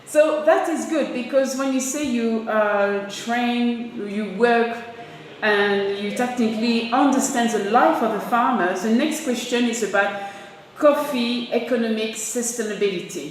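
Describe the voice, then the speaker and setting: A woman hosting an interview, praising her guest and setting out her questions slowly and deliberately. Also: a little high. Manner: warm, praising, slow and deliberate. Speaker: interview host. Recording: very echoey room with faint noise.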